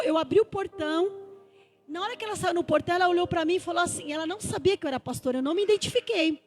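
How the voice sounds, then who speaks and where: High-voiced woman pastor, fervent testimony. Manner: storytelling, acting out dialogue, rising to fervent preaching. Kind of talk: testimony sermon.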